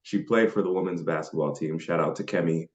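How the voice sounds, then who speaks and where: A man who grew up in Nigeria, answering interview questions in a relaxed, chatty way. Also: deep voice, brisk, lo-fi sound. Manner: relaxed and chatty, with frequent fillers and laughs. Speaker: podcast guest.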